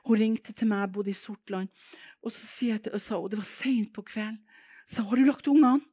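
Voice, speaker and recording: A woman's voice: mid-range voice, slightly rough. Fervent Norwegian-speaking woman preacher. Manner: lively storytelling with fervent exclamations. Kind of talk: sermon.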